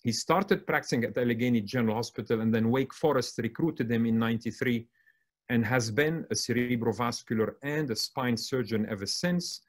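A man's voice: medium pitch, a little fast. A man from Lebanon moderating a medical webinar, introducing panelists and speakers in an admiring tone with frequent fillers and restarts. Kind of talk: formal introductions at an online conference.

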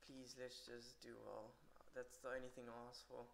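A man's voice: medium pitch, level tone, normal speed, gravelly, slight background noise. Tired, irritable man commentating gameplay. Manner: rambling, irritable, swears a lot. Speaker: gamer commentating his own match. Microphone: poor computer mic.

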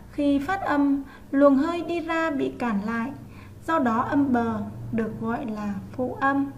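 A woman teaching an online first-grade reading lesson, sounding out letters slowly and clearly for young pupils. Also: high-pitched, a little hiss or hum. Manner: slow, clear, drawn-out pronunciation of sounds. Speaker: primary school teacher.

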